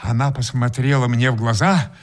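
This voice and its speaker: A man's voice: mid-range voice, steady tone, moderate pace. A man narrating a story in the first person and voicing the hero, in a dry, ironic, composed way. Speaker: narrator and main character. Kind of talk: acted radio reading.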